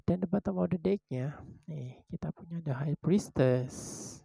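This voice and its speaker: A tarot reader chatting casually to viewers, calling out cards one by one in a slow, relaxed way, indoors at home. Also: mid-range voice, vocal fry, breathy edge, no echo. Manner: chatty, slow card-by-card announcing; drops into soft whispers for short prayers. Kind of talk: casual tarot reading video.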